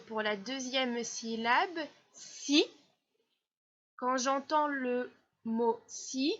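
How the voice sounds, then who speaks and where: A woman from France, a primary school teacher explaining a lesson slowly and patiently, step by step. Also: high-pitched, pushed and bright, muffled recording. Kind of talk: classroom explanation.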